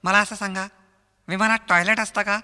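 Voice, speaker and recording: A man with a Marathi accent playing the straight partner in a comedy sketch, giving teasing deadpan replies. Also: sits high, fairly quick, big-room sound, heavy background noise.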